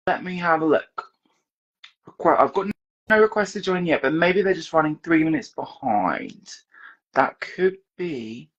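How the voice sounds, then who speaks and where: Woman, British, hoarse voice, casual live-stream chat, chatty host. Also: low-pitched, highs cut off. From United Kingdom. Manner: chatty, laughs often, fiddles with tech while talking. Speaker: podcast host. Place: dressing room at home.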